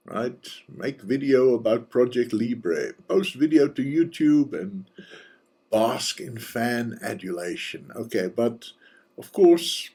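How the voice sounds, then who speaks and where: A man with a husky, slightly breathy voice talks through a piece of software at an unhurried, unhurried pace. He thinks aloud as he clicks around, slipping in relaxed, dry jokes along the way. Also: medium pitch. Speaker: software reviewer and channel host. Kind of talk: casual screencast walkthrough.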